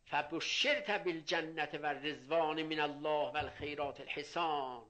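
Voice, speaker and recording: Slightly high and a bit bright, the voice belongs to an older cleric preaching a religious sermon. He relates anecdotes and renders Arabic phrases into plain Persian explanations.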